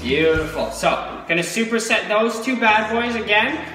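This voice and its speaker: A man's voice: high-pitched, animated, moderate pace. A man coaching a workout demonstration, giving informal instructions in short imperative cues and counts. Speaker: fitness coach. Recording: very echoey, distant, music over voice. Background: music.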